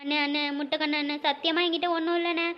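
A woman voices a cheeky, quick-witted young woman in a comic cartoon, high-pitched and rapid, with sarcastic asides. The sound is dull and lo-fi. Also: level tone, close to an everyday voice.

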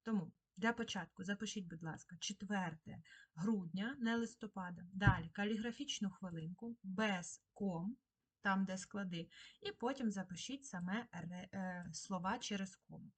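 A woman teaching a recorded remote lesson to schoolchildren, dictating slowly and patiently. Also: medium pitch, slightly rough. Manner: slow, patient dictation to children. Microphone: screen-recorded lesson.

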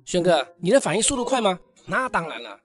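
Casting: performer as excitable student gamer for game cartoon skits, lively swinging intonation, Mandarin internet slang. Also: medium pitch, fast talker, faint music behind, close to an everyday voice. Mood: confident. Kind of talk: comedy skit voice acting.

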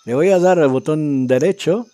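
A man giving casual, excitable commentary as he plays a game, talking to himself and his viewers. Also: a little high, normal speed, dry recording. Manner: talks to himself and viewers while exploring, excitable. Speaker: gaming video creator.

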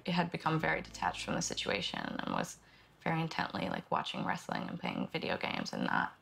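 A young woman giving documentary testimony, speaking softly and haltingly with many pauses and fillers. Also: sits low, huge pitch swings, creaky. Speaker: interviewee. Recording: documentary with guitar music underneath.

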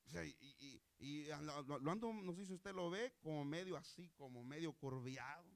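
A man preaching a sermon as pastor, animated, asking the congregation rhetorical questions. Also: on the high side, normal speed, vocal fry, no room sound. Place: church.

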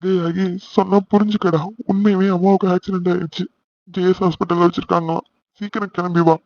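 A man voices a caring uncle figure in a homemade cartoon, firm and reassuring. He talks fast in a slightly raised voice. The recording is dry and somewhat dull. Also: sits high, little pitch movement. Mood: urgent. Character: Tamil elder brother and uncle, caring and steady. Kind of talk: amateur cartoon dubbing.

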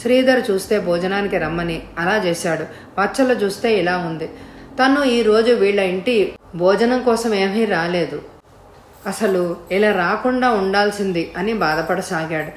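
A woman narrating an audiobook story in a steady, measured voice. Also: mid-range voice, echoey room, slight background noise.

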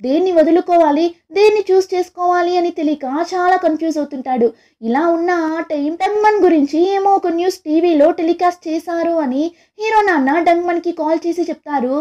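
A woman's voice: extremely high pitch, warm tone. A woman retelling a drama's plot in a chatty, casual narration, mixing in English words. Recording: dull lo-fi recording.

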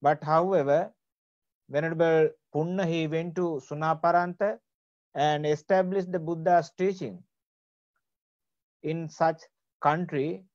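Sri lankan guy in his 40s lecturing slow on a video call, lots of uhs, muffled dry sound. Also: on the high side, steady tone, a little mellow, no echo. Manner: slow, deliberate, with frequent fillers. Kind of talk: online lecture. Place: office with bookshelves. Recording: dull lo-fi video call audio.

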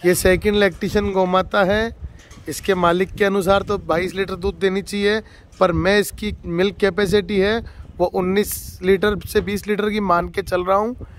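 Off camera in an outdoor farmyard, a dairy farmer from Rajasthan, India, gives a casual spoken walkthrough of a cow for sale, heaping on enthusiastic, repetitive praise. His voice is high-pitched and level at a normal speed, with a little hiss or hum.

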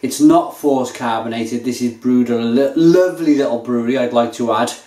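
This man in his thirties has a medium-pitched voice and talks a little fast as he casually reviews a beer at home. He's relaxed and chatty, savoring and describing each sip; the echoey kitchen is captured by a camera mic at table distance.

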